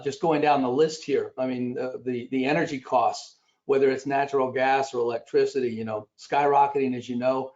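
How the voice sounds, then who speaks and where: A man with a raspy voice giving a conference presentation, pausing often with fillers as he reads statistics off his slides. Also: medium pitch, a little mellow. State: raspy after illness. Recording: dull lo-fi recording.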